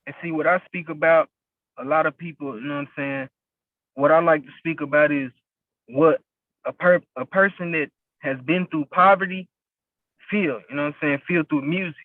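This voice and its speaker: Guesting in an interview, a young adult rapper and label owner from West Memphis, Arkansas, chats casually, repeatedly leaning on "you know what I'm saying." He speaks at a moderate pace with a fairly high pitch and fairly even intonation, captured in a very dry, tinny recording that sounds like a phone.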